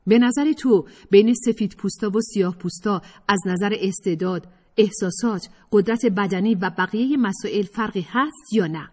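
A woman's voice: mid-range voice, a little mellow, pitched above the performer's own voice, natural voice. A woman narrator voicing an earnest young woman who presses her point and lectures the group. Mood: insistent. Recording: reverberant room.

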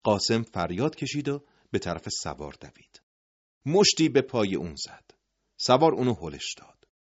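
Low-voiced male storyteller with dramatic swings. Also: very animated, breathy edge. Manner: dropping to hushed tones at sentence ends. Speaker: narrator. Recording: dull lo-fi recording.

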